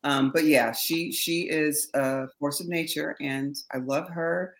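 A middle-aged woman, a singer, chatting as an interview guest, telling animated stories and acting out quotes with laughter. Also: deep voice, slow pace. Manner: animated storyteller, laughs often, acts out quotes. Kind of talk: casual interview chat.

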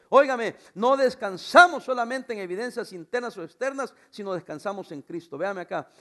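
A man preaching to his congregation with a notably high voice. He is a middle-aged pastor who swings between loud calls and soft asides, throws rhetorical questions at the room and keeps a joking edge. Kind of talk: sermon.

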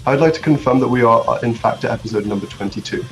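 A man chatting casually as a podcast co-host, his voice low and gravelly from a cold, with a dry, joking manner. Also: fast talker, faint music behind, poor audio. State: has a cold.

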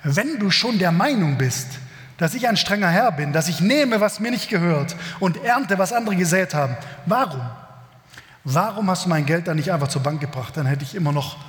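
A man voicing a stern, angry male king who judges his servants, reading in a low, measured voice. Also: expressive. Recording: echoey church hall.

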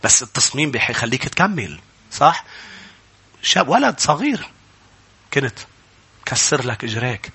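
A pastor preaching a sermon in a Lebanese Arabic accent, rising from quiet storytelling to loud, impassioned shouts. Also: male voice, medium pitch, big pitch swings, normal speed, long pauses, husky.

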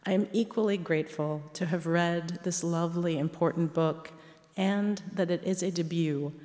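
A woman reading a formal introduction of a speaker at an event, measured and deliberate. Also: sits low, mellow. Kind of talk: read introduction. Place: large lecture hall. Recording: long reverb of a large hall.

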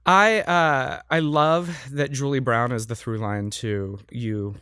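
A man hosting an interview, asking measured questions with hesitant starts and short affirmations. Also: medium pitch, steady tone, sharp tone, smooth, no room sound, clean studio sound. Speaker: interview host.

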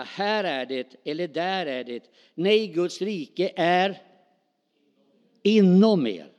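A middle-aged male preacher with a high voice delivers a lively, spontaneous sermon, throwing questions out to his congregation. His voice rings through a church hall with a long reverb trailing behind each phrase. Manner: animated, spontaneous, calls out to the congregation.

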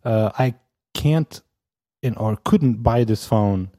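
Speaking slowly in a lowish, mellow voice, a male podcast co-host living in Amsterdam wanders through a casual conversation. He laughs often and keeps restarting sentences amid plenty of fillers. The studio sound is clean and dry.

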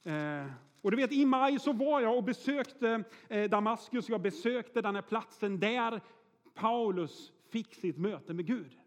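A man's voice: high-pitched, expressive, in a large hall. A man preaching a sermon in a church, telling stories in a chatty way with frequent fillers and check-ins with the congregation. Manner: chatty storytelling with frequent "eh" and "är ni med?". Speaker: pastor. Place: church hall.

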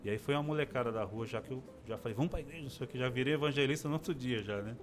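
A man in his forties speaks as an interview guest, telling a personal story in relaxed conversation. He talks expressively and slips into the voices of the people he quotes. His voice sits at an ordinary pitch, with faint music in the background. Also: rapid-fire. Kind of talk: casual chat, personal testimony.

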